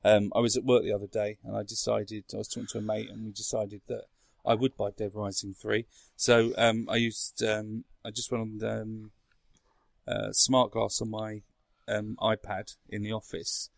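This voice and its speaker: A man's voice: on the low side, flat delivery, moderate pace, creaky, no room sound, studio quality. A man in a casual tech chat, explaining things in a rambling way as a podcast speaker. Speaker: podcast guest or co-host explaining a console.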